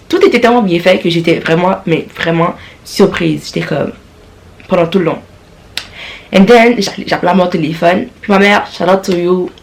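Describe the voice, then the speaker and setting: A young woman with a Quebec French accent telling a storytime vlog, sassy and animated, slipping English slang into her talk. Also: lowish voice, vocal fry. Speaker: vlogger.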